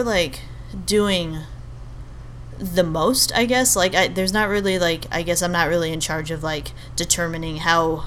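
Rambling casually as a podcast host, a young Albanian woman keeps using fillers, starting over and correcting herself. Her lowish voice has a fairly bright tone, and a little hiss or hum runs through the recording.

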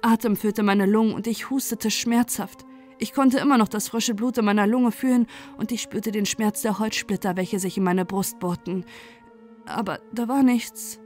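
A woman narrating a first-person horror audiobook in a measured, dramatic storytelling manner. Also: medium pitch, steady tone, darkish tone. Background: faint music.

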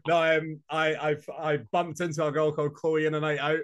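A young adult man from Scotland with a Highland Scottish accent, chatting casually as an interview guest. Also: monotone, brisk, smooth. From Inverness, Scotland. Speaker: podcast guest, singer-songwriter.

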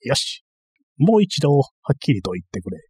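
A man's voice: mid-range voice, very animated, moderate pace, a little mellow, husky, no room sound. A man voicing a boastful, bumbling self-styled master thief in a dramatized period-novel reading, ranting and easily flustered. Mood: agitated.

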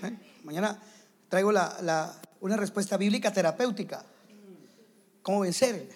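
A male pastor preaches with an unusually high voice. He is animated and slips into quick acted exchanges between people. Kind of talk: sermon to church leaders.

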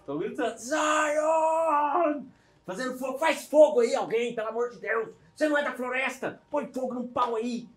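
A man voicing a frantic male adventurer who yells in a high, strained voice for a lost friend. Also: quick pace, few pauses.

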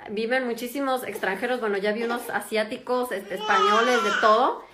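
A woman's voice: on the high side, steady tone, fairly quick, a crowd in the background. A woman in her thirties with a Mexican accent, a doctor chatting casually to viewers from her home, laughing often and using many fillers. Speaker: doctor and vlogger. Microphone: phone camera.

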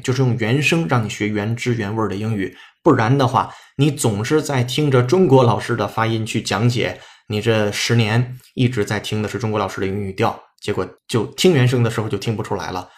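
A man's voice: on the low side, a little mellow. A man teaching English on a podcast, explaining sentences patiently with frequent "ah" and "uh" fillers.

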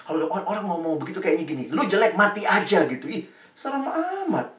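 A man giving a youth sermon, lively and acting out quoted voices, slipping into English phrases. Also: high-pitched, a little fast, echoey room, far from the mic. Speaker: youth speaker.

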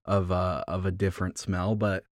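A man co-hosting a casual beer review from Rochester, speaking in an easygoing, halting way with many fillers, his voice coming through robotic, low sample rate internet audio. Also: little pitch movement, no echo, clean studio sound. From Rochester, New York. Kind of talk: casual chat. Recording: glitchy low-quality online call audio.

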